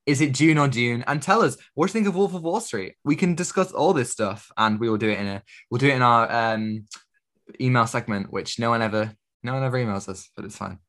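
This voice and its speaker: A man's voice: medium pitch, brisk, fairly bright tone. A young man, co-hosting a film podcast in a rambling, self-correcting way. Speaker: podcast co-host. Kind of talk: casual chat.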